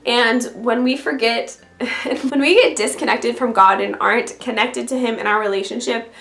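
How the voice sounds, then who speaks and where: A woman with a voice raspy from being sick, talking directly and conversationally as a video blogger giving encouraging faith advice. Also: on the high side, steady tone, moderate pace, a bit bright. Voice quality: raspy from illness. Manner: direct, conversational address to the listener. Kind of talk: scripted-feeling encouraging faith vlog talk to camera. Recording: roomy, echoey sound.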